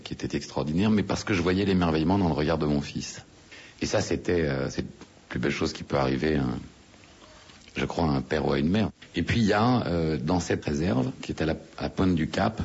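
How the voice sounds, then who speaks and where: A man telling a relaxed anecdote as a radio interviewee, chatty, with hesitant fillers and restarts. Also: deep voice, breathy edge. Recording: dull lo-fi radio sound.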